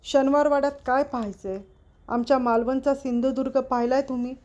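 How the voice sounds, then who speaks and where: A woman's voice: high voice, steady tone, a little fast, darkish tone, natural voice. A woman voicing a grumpy middle-aged man who scoffs and swears at everything, in a dull lo-fi recording. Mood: scoffing.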